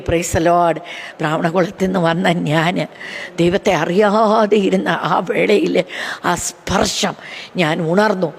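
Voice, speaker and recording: A woman preacher giving a fervent testimony sermon, repeating phrases for emphasis and breaking into praise refrains. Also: medium pitch. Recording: long hall reverb.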